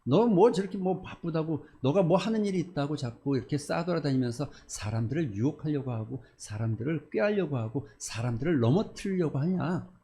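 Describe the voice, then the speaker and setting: A stern male God who scolds bluntly and insists on his point, as a preacher puts him on. The voice is lively and swings widely in pitch. It sits a little above the usual male register. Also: fairly quick, few pauses. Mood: scolding. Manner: blunt, rebuking, casual speech.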